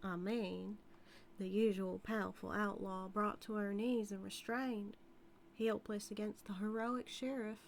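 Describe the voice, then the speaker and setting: This time the flirty, dominant outlaw cowgirl is voiced in a creaky, unhurried way, with medium pitch and fairly even intonation, over a little hiss or hum. The woman keeps a Southern US drawl and a teasing, sly mood throughout a scripted audio roleplay built on intimate character acting.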